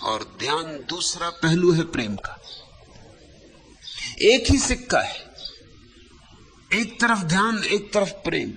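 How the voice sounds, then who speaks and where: A man giving a spiritual discourse as a teacher, speaking in short, lyrical phrases with long pauses and repeated lines for emphasis. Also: fairly high pitch, sing-song, creaky, fairly bright tone, a little hiss or hum.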